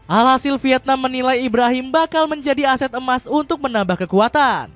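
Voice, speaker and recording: Over faint background music, a woman reads scripted football news as a voice-over at a slightly fast clip, her steady delivery dipping in pitch at the end of each sentence.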